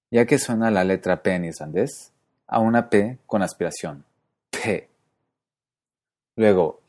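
Deep-voiced man explaining patiently. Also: warm tone. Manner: methodical, spells out letters and repeats sounds slowly. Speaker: podcast host. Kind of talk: explanatory podcast monologue.

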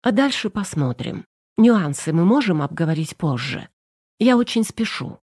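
Curt, commanding lawyer woman, read by a female narrator, warm dark tone, dry. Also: on the low side, sing-song, normal speed, breathy edge, dry recording. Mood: curt, tense.

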